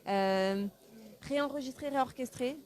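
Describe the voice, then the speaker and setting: With a high-pitched voice and a slightly slow pace, a French-raised singer-songwriter responds to interview questions. Her manner is thoughtful, warm and relaxed, with easy laughter.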